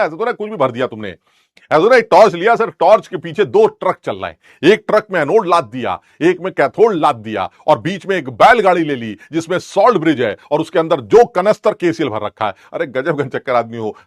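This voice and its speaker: A young man teaches chemistry in a lively, joking lecture style and keeps breaking off to tease and scold his students. His voice sits a little high for a man. The sound is close and dry, with no room echo. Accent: Hindi.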